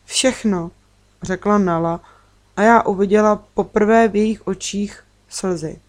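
A woman reading a children's book aloud in a calm, measured storytelling voice. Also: medium pitch. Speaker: narrator.

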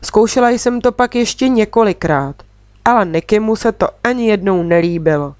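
Woman audiobook reader, expressive storytelling, close dry recording. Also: mid-range voice, no echo. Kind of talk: storybook narration in first person.

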